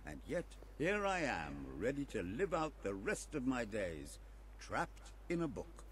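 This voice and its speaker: An actor playing a formal, self-important gentleman detective in a video game, with a British accent. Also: mid-range voice, wildly swooping pitch, unhurried, a little hiss or hum. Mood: pompous, measured. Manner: pompous, formal.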